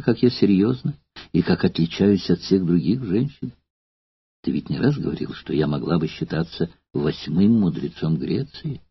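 A man voicing a young Greek courtesan who coaxes softly and hushed, scheming and jealous, in an audiobook reading. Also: lowish voice, vocal fry, breathy edge, heavily acted. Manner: soft, pleading, hushed and intimate. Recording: slightly dull lo-fi recording.

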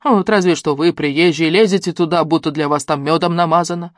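A woman's voice: low voice, fairly even intonation, fairly quick, no room sound, studio quality, natural voice. A woman voicing a shrewd old village granny who talks in folksy rural speech, teasing and sly.

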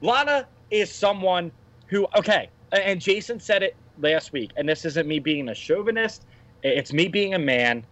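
A man's voice: sits high, animated, normal speed, a bit bright. A man in his thirties co-hosting a casual wrestling podcast, blunt and opinionated, rambling through his points. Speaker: podcast co-host. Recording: dull lo-fi audio.

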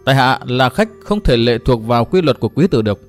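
A man's voice: medium pitch, expressive, quick pace, soft background music, lightly acted. A proud young swordsman in a martial-arts audio story, voiced by a male narrator close to his own voice. His words come out cold, terse and formal.

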